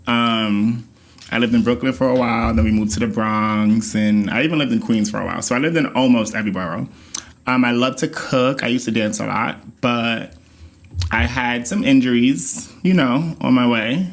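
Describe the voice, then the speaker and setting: A man from the Bahamas co-hosting a podcast with his partner, chatting casually in a playful, animated way. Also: medium pitch, normal speed. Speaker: podcast co-host. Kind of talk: casual chat.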